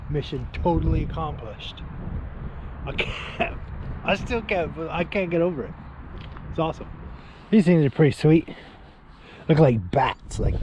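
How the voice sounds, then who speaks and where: In a roughly recorded, casual fishing vlog, a fairly high-voiced man in his forties talks to an action camera, held close or set nearby, on an outdoor riverbank with wind and ambient noise around him. He's easygoing, sprinkles in plenty of "man" and "dude," and becomes excitable when he lands a fish.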